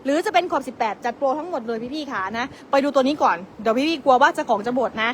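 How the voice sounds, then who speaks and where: Fast-talking high-voiced saleswoman. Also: a little hiss or hum. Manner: fast, chatty sales patter, keeps calling out prices. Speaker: tire shop saleswoman. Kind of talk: live-sale product pitch. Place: tire shop.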